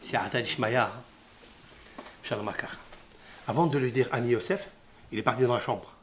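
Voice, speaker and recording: A man giving a religious lesson on scripture, sprinkling Hebrew terms into his talk and swinging from hushed murmurs to loud exclamations. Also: mid-range voice, moderate pace, a little hiss or hum. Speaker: Torah teacher.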